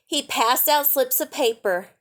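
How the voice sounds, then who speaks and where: A storytime reader and teacher, she speaks in a high, unhurried voice. Reading a picture book aloud to little kids, she pauses for friendly side comments, easy explanations and questions aimed at her listeners.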